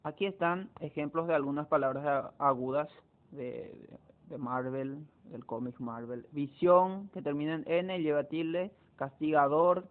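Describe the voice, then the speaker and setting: A man's voice: on the high side, measured pace. A man teaching a lesson on spelling rules, explaining step by step with frequent hesitations and restarts. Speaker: Spanish teacher. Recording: tinny phone-like recording.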